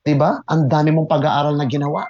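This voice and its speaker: A man who mentors in network marketing tells his own story to an online audience, excitable and emphatic, often repeating words and switching between Tagalog and English. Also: on the high side, quick pace, dull audio. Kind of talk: motivational testimony to an online audience.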